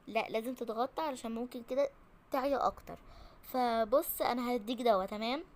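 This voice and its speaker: A woman's voice: a little high, fairly quick, natural voice. A woman with an Egyptian accent voicing a flustered young female doctor in a game role-play, mock-serious and playful. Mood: calm.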